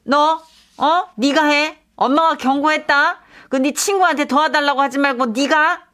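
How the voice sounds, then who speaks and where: A woman's voice: high-pitched, steady tone, fairly bright tone, voice pushed up. A woman radio host voicing a fussy, doting middle-aged mother who keeps nagging her son in a comic radio skit. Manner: exclaims often, scolds in a fast rising voice.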